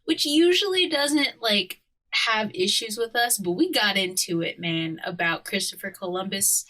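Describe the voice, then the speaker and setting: A woman from Hawaii co-hosts a podcast in casual conversational chat, speaking a little slowly in a mid-range voice with a sharp tone. She's opinionated and slangy, and she laughs often.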